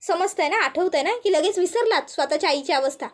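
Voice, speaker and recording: A woman voicing a hot-tempered young wife who scolds in a loud, snappy way. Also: very high voice, fairly quick. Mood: upset.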